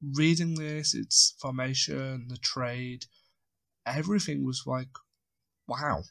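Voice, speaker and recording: A male podcast co-host talks casually in a gravelly, fry-heavy voice. He comes across as eager and a little self-deprecating. His voice is recorded dry, with no room sound. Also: medium pitch, steady tone, slow pace, a bit bright, no echo.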